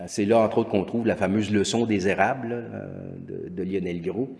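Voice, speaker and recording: In an echoey hall with long reverb, a middle-aged Quebec man lectures at a conference as a teacher, his Québécois French accent clear as he rambles, restarts and uses fillers. His lowish voice is creaky and darkish, with fairly even intonation and a moderate pace.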